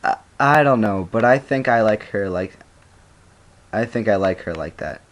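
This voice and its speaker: Third-grade boy, calm but bashful, lifted pitch; a man reads him. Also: normal speed, lightly acted. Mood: shy. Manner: calm, hesitant.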